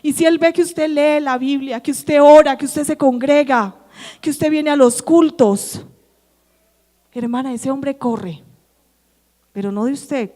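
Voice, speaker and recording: Woman preacher, Colombian Antioquia accent, high voice, lively sermon, questions the congregation, long church-hall reverb. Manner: lively, acts out quoted dialogue, asks the congregation questions.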